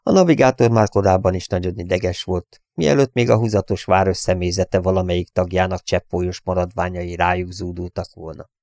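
A man reading an audiobook in a steady, measured storytelling manner. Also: low voice, no echo, clean studio sound. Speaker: audiobook reader. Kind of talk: audiobook narration.

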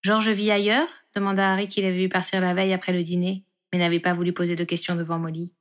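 A woman reading a story aloud in an even, measured storybook narration. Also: on the low side. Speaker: reader.

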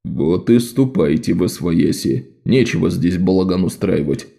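A man voicing a gruff middle-aged constable who speaks slowly and dismissively. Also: low-pitched, animated, dark tone, pitched below the performer's own voice, full character voice.

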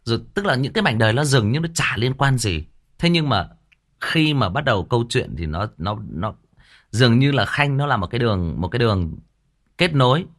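A Vietnamese man who hosts a story channel and narrates audiobooks chats casually about a story in a livestream, rambling and repeating words while he searches for the next one. His voice is mid-range, very animated, a little fast and fairly bright.

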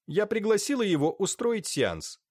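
A man's voice: high voice, huge pitch swings, normal speed, a little mellow, slightly rough, no echo, studio quality, pitched above the performer's own voice, heavily acted. A man doing an odd, whimsical old lady. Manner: whimsical, defiant. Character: eccentric aging woman, morbid and whimsical.

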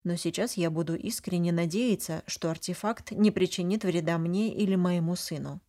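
A woman's voice: fairly low pitch, moderate pace, dark tone. A woman narrating a first-person fantasy audiobook, flustered and emotional in the heroine's lines.

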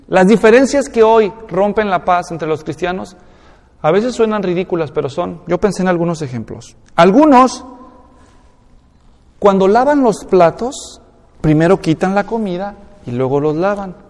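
Animated Mexican pastor preaching, high-pitched. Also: male voice, normal speed, in a large hall. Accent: Mexican Spanish. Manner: animated, acts out everyday examples with rising pitch. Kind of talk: expository sermon.

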